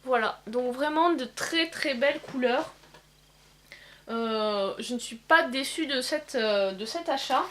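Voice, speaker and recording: A woman demonstrating eyeshadow swatches in a casual vlog, pausing often with fillers. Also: sits high, a bit bright, slight background noise. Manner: hesitant, many filler pauses. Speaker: beauty vlogger. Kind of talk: casual makeup swatch demo.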